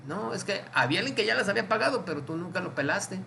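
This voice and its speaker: Mexican-accented male Bible study leader, bright and a bit high-pitched, chatty teaching with acted-out examples. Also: expressive, quick pace, vocal fry, slight background noise. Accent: Mexican Spanish. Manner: explains with little acted dialogues, checks understanding often.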